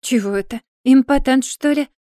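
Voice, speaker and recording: A woman's voice: sits high, moderate pace, mellow, dry recording, studio quality, voice pushed up, lightly acted. A woman voicing a cheerful, crafty old witch who talks in a folksy, grandmotherly way. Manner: folksy, chatty, bursts into indignation.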